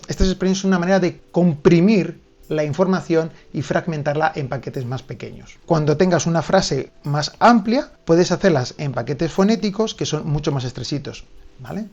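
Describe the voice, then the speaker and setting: A man's voice: a little high, a little mellow, muffled recording. A man giving a video lesson on learning languages, explaining directly to the viewer and checking in often. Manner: direct, addresses the viewer with frequent "¿vale?". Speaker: language teacher.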